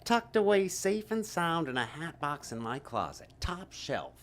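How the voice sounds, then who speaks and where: In an audio drama, a male actor plays a middle-aged retired stage magician and husband who is defensive and wistful. He speaks haltingly in a fairly high voice with big pitch swings.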